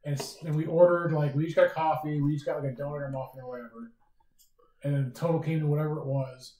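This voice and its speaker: A man joining a casual podcast chat, talking quickly and offhandedly. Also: a little high, fairly even intonation, mellow, echoey room, slight background noise, poor audio.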